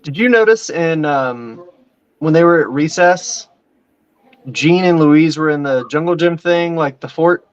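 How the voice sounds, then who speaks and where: A man's voice: on the high side, a little slow, clean tone, lo-fi sound. A man co-hosting a casual fan podcast, making wry jokes as he chats. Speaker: podcast co-host.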